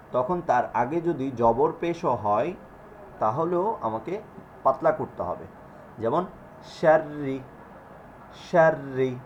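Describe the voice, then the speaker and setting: A man teaching Quran recitation rules in an online class, slowly drilling example syllables over and over. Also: medium pitch. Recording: dull lo-fi audio with faint noise.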